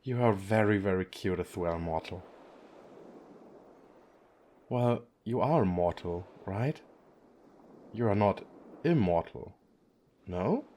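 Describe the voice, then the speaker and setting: Here the same man plays a weary, gentle young sea god, a femboy, for an ASMR roleplay, speaking slowly in a soft, low register. Kind, hesitant and a little playful, he keeps it intimate with frequent pauses and little chuckles. The tone turns playful and tender, the acting is animated, and faint background noise is audible.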